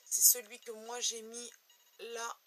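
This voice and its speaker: A woman from France gives a makeup swatch review from home, speaking very slowly and letting her repeated words fade to almost nothing. Her voice sits a little high and sounds bright and sharp. A faint hum of room noise stays underneath. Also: flat delivery, low-quality recording. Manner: slow, drawn-out, trails off quietly on repeated words. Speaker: beauty blogger.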